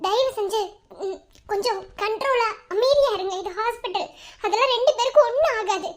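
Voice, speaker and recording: A woman's voice: very high voice, a little fast, voice pushed down. A woman voicing a young daughter-in-law who soothes and pleads with her elders, with a Madurai Tamil accent. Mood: pleading.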